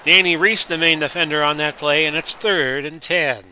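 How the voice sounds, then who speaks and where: A man hosting a stream and giving play-by-play commentary over a sports simulation game. He talks like an announcer and breaks into excited outbursts on big plays. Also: a little high, moderate pace, a little hiss or hum. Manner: announcer-style calls that rise into excited outbursts. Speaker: streamer and host.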